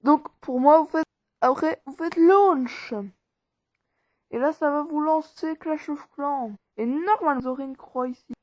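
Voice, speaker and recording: A woman's voice: high-pitched, normal speed. A woman talking viewers casually through an app tutorial step by step, informal and rambling. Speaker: tutorial maker. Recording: dull, dry lo-fi recording.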